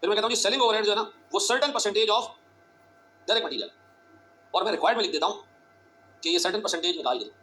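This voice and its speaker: A male teacher giving a classroom lecture, talking fast and urgently, repeating phrases and quizzing his students. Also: sits high, pushed and bright, a little hiss or hum.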